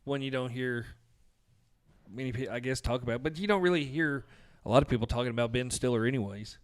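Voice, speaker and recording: A man's voice: mid-range voice, a little fast. A young man co-hosting a podcast, chatting casually and joking with his co-host. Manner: laid-back, joking banter. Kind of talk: casual chat.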